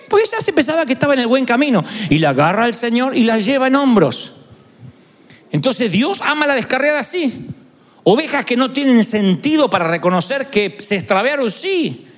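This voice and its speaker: High-voiced animated male preacher, echoey hall. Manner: animated preaching, acting out people's quoted words. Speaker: pastor. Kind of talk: sermon. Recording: echoey hall with long reverb.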